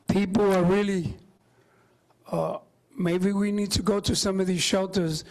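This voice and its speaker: A man giving an impassioned public comment at a community meeting, halting now and then. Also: high voice, vocal fry, a little mellow, poor audio. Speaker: community member speaking at public hearing.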